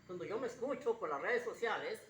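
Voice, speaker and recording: A preacher delivers an informal Bible sermon, halting, repetitive and homespun, in a medium-pitched, animated voice that is slightly husky and fairly bright. The recording has a roomy echo and faint background noise.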